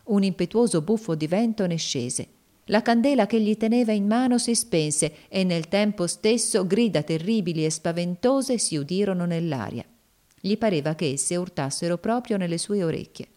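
A woman narrating a classic novel in a measured, subdued audiobook reading. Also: lowish voice, mellow.

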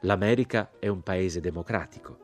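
A man's voice: sits low, moderate pace, soft background music, natural voice. A man reading as a haughty, moralizing older American society woman, cold and indignant.

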